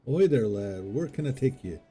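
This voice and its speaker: A man voicing a gruff old male pirate ferryman in a game, drawling in sailor talk. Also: medium pitch, animated, a little fast, warm tone, soft background music, natural voice. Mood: hearty.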